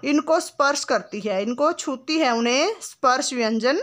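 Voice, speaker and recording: A woman's voice: sits high, fairly bright tone. A woman teaching Hindi grammar. She asks a question, answers it herself, adds "ठीक है" again and again, and speaks to the students affectionately as "बेटा". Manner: calls the listener "बेटा", patient and instructive; stretches sounds and examples out slowly. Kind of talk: classroom lesson explanation.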